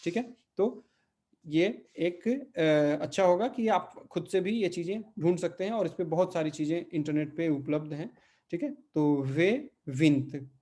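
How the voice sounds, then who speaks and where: Patient man teaching pronunciation, mellow voice. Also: on the high side, animated. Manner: patient, repeats words slowly and checks with "ठीक है?". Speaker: Portuguese language teacher. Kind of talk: spoken language lesson.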